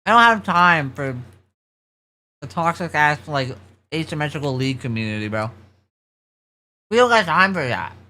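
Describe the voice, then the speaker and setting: A streamer chatting casually on a livestream in an animated, sweary manner. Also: mid-range voice, normal speed, long pauses. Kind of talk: casual livestream chat and gaming commentary.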